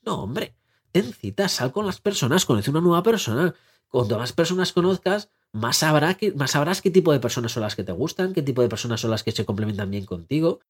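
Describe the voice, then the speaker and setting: Husky man coaching casually. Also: a little high, a little fast. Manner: lively, conversational, asks rhetorical questions. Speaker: life coach and podcast host. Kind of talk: casual podcast monologue.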